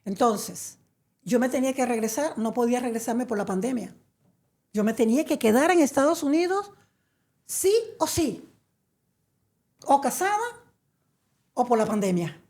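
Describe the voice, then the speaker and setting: A woman's voice: a little high, lively intonation, normal speed, pauses often, dark tone. A middle-aged woman from Venezuela, telling her story as a guest in a chatty interview, with many fillers. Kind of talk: conversational interview.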